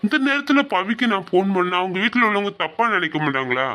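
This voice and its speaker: Brief: man playing tired young dad, high bright voice, earnest. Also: sing-song, fast talker, full character voice. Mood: exasperated. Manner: soft coaxing, then exasperated. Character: weary young widowed father. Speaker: father of the child. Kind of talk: home drama acting.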